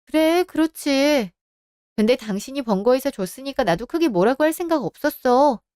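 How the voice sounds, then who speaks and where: A woman's voice: high-pitched, animated, quick pace, darkish tone, no room sound, studio quality. A woman in her thirties who narrates and plays a composed, cutting wife in a radio drama. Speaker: narrator and lead of a story drama.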